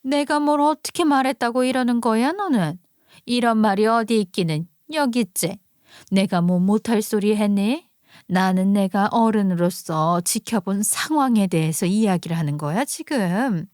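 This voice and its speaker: A haughty, nagging older mother-in-law, as a woman puts her on, scolding in sharp exclamations. Her talk is dry and close, as in a story-radio drama, at a mid pitch for a woman. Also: normal speed, no echo, lightly acted. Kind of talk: audio story drama reading.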